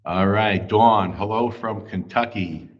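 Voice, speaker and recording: Low-voiced man, rambling chat. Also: slow. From United States. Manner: rambling, many fillers and restarts. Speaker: livestream host. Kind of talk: casual livestream chat, reading viewer comments. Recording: slightly dull livestream audio.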